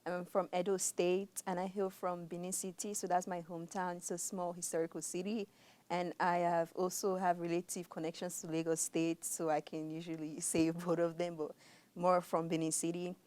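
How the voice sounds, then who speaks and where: Relaxed young Nigerian woman, lowish voice. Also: normal speed. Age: young adult. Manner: relaxed, laughs easily. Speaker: nursing student guest. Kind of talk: casual interview answers.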